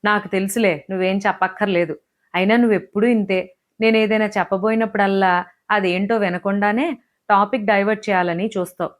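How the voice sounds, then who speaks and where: A woman voicing a quick-tempered young wife in an audiobook, sarcastic and snapping. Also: medium pitch, fairly even intonation, natural voice. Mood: angry. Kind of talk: audiobook character voice.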